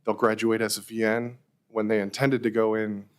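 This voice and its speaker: A man with a slightly hoarse voice, formally asking questions at a public meeting as a board member, often rephrasing as he goes. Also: on the low side, flat delivery, normal speed. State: slightly hoarse, losing his voice.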